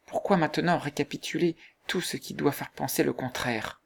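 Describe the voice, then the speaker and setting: A man's voice: on the high side, moderate pace, gravelly, slightly rough, pitched above the performer's own voice. A man reading aloud and voicing a blunt, suspicious older man who asks probing questions. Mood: grave.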